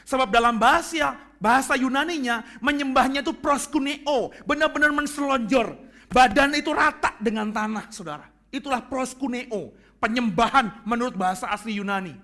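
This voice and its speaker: Bright, high-voiced preaching man. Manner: dramatic, swings from hushed to shouting. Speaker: pastor. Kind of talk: sermon. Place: church.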